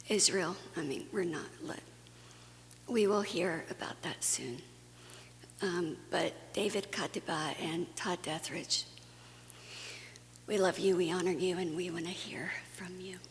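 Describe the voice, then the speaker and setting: This conference speaker, a woman from Guatemala, addresses a faith audience in a plenary talk that is earnest and conversational, full of fillers and restarts. Her pitch is fairly low, she's a little slow, and she pauses often; the recording has long hall reverb and a faint hum.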